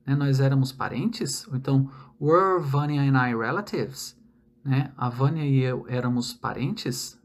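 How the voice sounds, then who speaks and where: A man's voice: mid-range voice, unhurried. A young Brazilian man teaching English grammar in an online lesson, explaining step by step and checking in with frequent tag questions.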